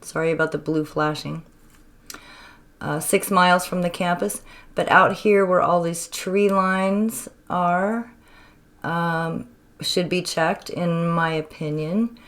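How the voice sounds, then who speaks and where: Female spirit session host, lowish pitch, very unhurried and deliberate, casual explaining with drawn-out questions to spirits. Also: steady tone, a bit bright. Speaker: spirit box session host, self-described medium. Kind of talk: casual narrated demonstration and addressing spirits.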